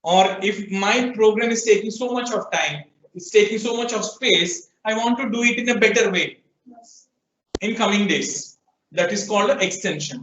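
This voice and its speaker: High-voiced Telugu-accented male teacher, quizzing students in class, echoey room, mic set far off. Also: animated, drawn-out words, a bit bright, slight background noise. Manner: questioning students, prompting answers. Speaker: programming teacher. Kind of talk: classroom lecture mixing Telugu and English. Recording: echoey room, distant, dull lo-fi sound.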